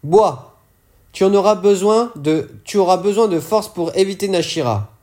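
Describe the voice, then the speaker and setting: A man's voice: sits high, expressive, normal speed, mellow, pitched above the performer's own voice. Bitter, bruised young woman, voiced by a man. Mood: curt. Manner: curt and weary.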